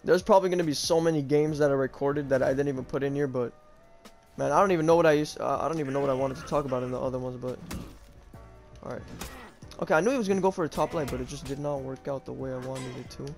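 A man's voice: medium pitch, fast, creaky, darkish tone, soft background music. A man giving casual live gameplay commentary as a YouTuber, talking in an informal, slangy way with plenty of swearing. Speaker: gaming YouTuber.

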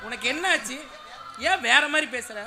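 A man's voice: extremely high pitch, animated, moderate pace, full character voice. An actor playing a young male teacher who speaks earnestly and coaxingly in film dramatic dialogue. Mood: concerned. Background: loud film music.

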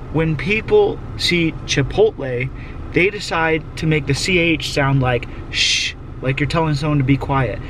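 Playful man, mock-serious, slightly high voice; noisy car interior. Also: fairly bright tone. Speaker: vlog guest. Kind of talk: joking rant to camera. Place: car in a drive-thru.

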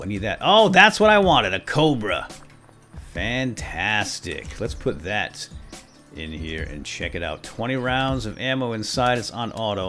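Hosting a let's play, a man keeps up exuberant, playful game commentary with light role-play, addressing both himself and the viewers. He speaks at a medium pitch with a slightly bright tone.

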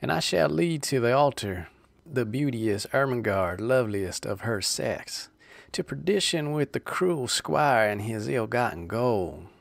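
A man's voice: mid-range voice, expressive, measured pace, vocal fry, dry recording, pitched above the performer's own voice. A man voicing a young rustic hero who declaims in a theatrical, bombastic way. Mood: heroic.

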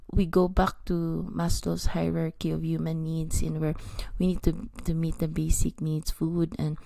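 A woman's voice: low voice, completely flat delivery, unhurried, vocal fry, warm tone, no echo. A woman in her thirties with a Cebuano Filipino accent, giving an earnest motivational talk to camera at home, mixing English with Cebuano. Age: 30s. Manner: earnest, mixes English with Cebuano, repeats words. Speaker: vlogger. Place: small home room indoors. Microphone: podcast mic on stand, close.

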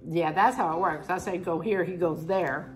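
A woman's voice: lowish voice, fairly even intonation, normal speed, faint music behind. A middle-aged woman, chatting casually as a cooking vlog host, laughing and searching for words. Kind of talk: casual chat.

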